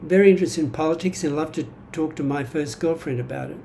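Speaking from a small indoor room at home, a vlogger in his 70s, born in Greece and raised in Australia, works through his personal history from notes in a halting, deliberate, reflective monologue. He has an Australian accent and a slightly high, gravelly, mellow voice, with a little hiss or hum on the recording.

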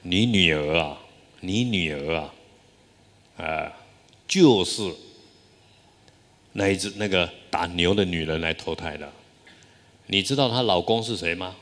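A man voicing a wise, kindly old monk in a story, explaining patiently and gently. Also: low-pitched, unhurried, long pauses. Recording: long hall reverb.

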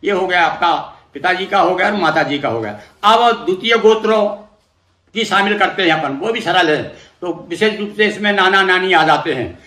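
A man guiding listeners step by step through a ritual. He explains patiently and recites mantras slowly, letting each one fall low and soft at the end. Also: animated, echoey room. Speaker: religious teacher.

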